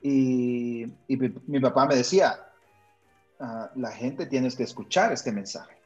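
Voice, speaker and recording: A man's voice: mid-range voice, unhurried, highs cut off, faint music behind. A young man from Honduras with a Honduran accent, a missionary telling his personal story in a radio interview, hesitant, with frequent fillers and tag questions. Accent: Honduran Spanish. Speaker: missionary guest.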